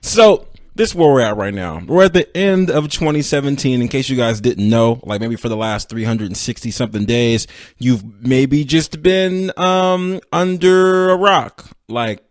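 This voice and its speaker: In clean studio audio without echo, a young podcast host talks at a moderate pace in a medium-pitched voice. He rambles through his casual solo sports show, self-deprecating and speaking directly to listeners.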